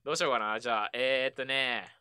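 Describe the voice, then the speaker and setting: A young man with a Kanagawa accent hosting a casual chat show, bantering quickly with deadpan asides. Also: medium pitch, clean tone, no room sound. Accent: Kanagawa Japanese. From Kanagawa, Japan. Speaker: radio show host.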